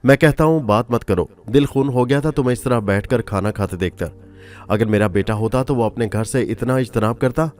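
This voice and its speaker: A man voicing a hot-tempered older head of household who scolds in a gruff, barking way. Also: medium pitch, a little fast, darkish tone, faint music behind, lightly acted. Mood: angry.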